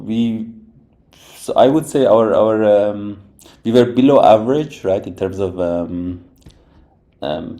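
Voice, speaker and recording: A man's voice: fairly low pitch, dark tone. A man from Iran, a robotics professor, talking through his background as a podcast guest, thoughtful and full of restarts. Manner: thoughtful, many restarts and "right?" tags. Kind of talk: casual interview talk.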